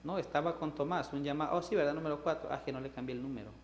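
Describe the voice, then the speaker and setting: A man preaching with a fairly high voice, surging to loud emphatic lines and then dropping to quiet asides. The sound rings with the reverb of a roomy church. He sounds like a pastor addressing his congregation in a live sermon. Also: racing, slight background noise. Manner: animated preaching, swings between loud emphasis and soft asides, acts out quoted voices. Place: church sanctuary.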